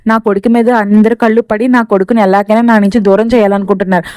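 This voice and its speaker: A woman's voice: medium pitch, flat delivery, quick pace, darkish tone, clean tone, dry recording, studio quality, natural voice. A woman doing a worried, possessive mother. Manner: worried, urgent. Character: possessive mother protecting her son.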